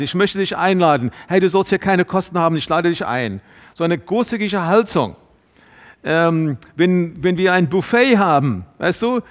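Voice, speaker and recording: Pastor, man, sermon in a hall with long reverb; hesitant delivery, lots of restarts. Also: a little high. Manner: halting, many fillers and restarts.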